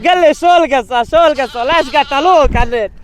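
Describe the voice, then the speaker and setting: A man's voice: extremely high pitch, fast talker, a little hiss or hum. A man playing a hospitable herder who lives out in the desert, speaking in a comic sketch and earnestly repeating brotherly address. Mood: worried. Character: hospitable rural male herder living out in the desert.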